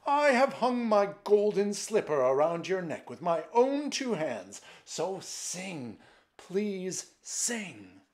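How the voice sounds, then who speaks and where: A man playing a frightened, dying old emperor who cries out high and loud in panic. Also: big pitch swings, slow pace, exaggerated voice. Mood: desperate. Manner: shouting in panic.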